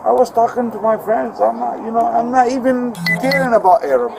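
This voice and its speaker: An agitated man keeps repeating his story to an officer. He was recorded outdoors on a police body camera, with clear street and traffic noise behind him. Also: very high-pitched, brisk. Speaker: assault victim. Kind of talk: talking to police. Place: outdoors by a road. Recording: bodycam audio, street noise.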